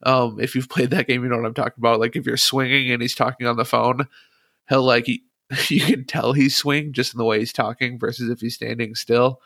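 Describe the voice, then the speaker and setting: A man's voice: mid-range voice, creaky, a bit bright, dry recording, clean studio sound. A man hosting a casual gaming podcast, chatty and frank, laughing often. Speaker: podcast host.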